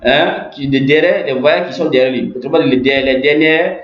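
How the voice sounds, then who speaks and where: A man teaching a language lesson, explaining slowly and repeating himself, with many fillers. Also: on the high side. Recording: echoey room, dull lo-fi sound.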